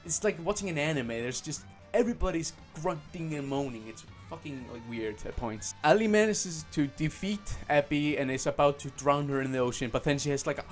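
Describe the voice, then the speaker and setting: A man's voice: fairly high pitch, brisk, hardly any pauses, soft background music. Sarcastic man ranting about a game. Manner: sarcastic, profane, many fillers. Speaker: game reviewer. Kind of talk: casual ranting review.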